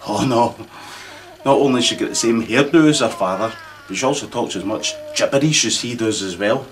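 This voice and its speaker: A man's voice: medium pitch, moderate pace. A man with a Scottish accent delivering a mock-formal Christmas address, pompous and rambling, with local slang. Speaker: comic host of a mock royal address.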